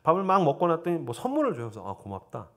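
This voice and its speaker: A middle-aged male pastor tells stories from the pulpit of a church. His pitch rises and falls a great deal as he acts out his own lines and his students' lines. He goes from bursts of excitement to hushed, mumbled asides. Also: fast, vocal fry. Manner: animated, quotes himself and students in lively dialogue; drops to a low murmur for quoted lines. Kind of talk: sermon storytelling at a teachers' seminar. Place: church sanctuary.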